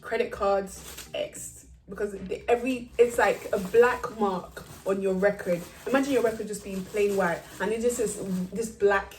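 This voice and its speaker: A woman's voice: medium pitch, fairly even intonation, moderate pace, a little mellow. A young woman, telling her story in a casual chat while eating. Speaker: host. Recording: distant from the mic.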